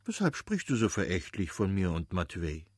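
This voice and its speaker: A man's voice: low-pitched, big pitch swings, normal speed, no room sound, studio quality. A man reading as an easygoing cheerful husband.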